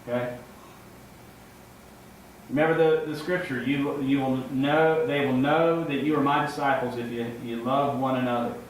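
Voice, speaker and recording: Male lay preacher, informal and halting, repeats words and checks in with listeners; very reverberant room, distant mic. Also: mid-range voice, steady tone. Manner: ends points with checking tags like "right?" and "okay?". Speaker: lay preacher giving a first sermon. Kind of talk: informal, conversational sermon. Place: large echoing indoor room, before a congregation. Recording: very echoey room, distant mic, faint noise.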